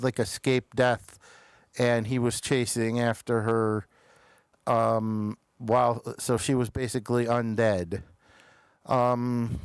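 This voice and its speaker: A television review show host chats casually, often hesitating as he hunts for words and details. His voice is medium-pitched and clean, recorded with clean studio sound and no echo.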